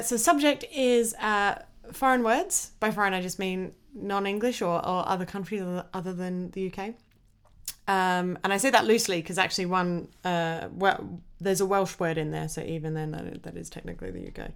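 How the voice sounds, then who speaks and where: An Australian woman, a comedian, chatting casually as a podcast guest, talkative and animated in her storytelling. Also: lowish voice, moderate pace, vocal fry, clear, resonant tone. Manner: chatty, with lively acted-out quotes.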